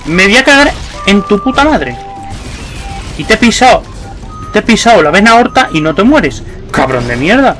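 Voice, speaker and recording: A young Spanish man plays a horror game and talks over it with a high voice that jumps all over, cursing and yelling at the monsters. Faint game music runs underneath. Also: big pitch swings, moderate pace. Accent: Spain Spanish. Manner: swears a lot, yells at enemies. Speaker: gameplay commentator. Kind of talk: let's play commentary.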